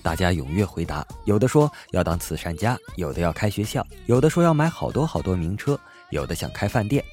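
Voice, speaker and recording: Low-pitched male comedy host, lively joke-reading delivery, faint music bed behind. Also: brisk, few pauses. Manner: playful, lively storytelling with sudden loud punchlines.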